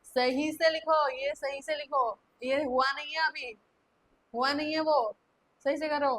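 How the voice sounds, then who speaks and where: A woman's voice: sits high, steady tone, unhurried, a bit bright, poor audio. A woman acting a strict female schoolteacher in a staged classroom skit, nagging and repeating herself as she keeps demanding answers. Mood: scolding.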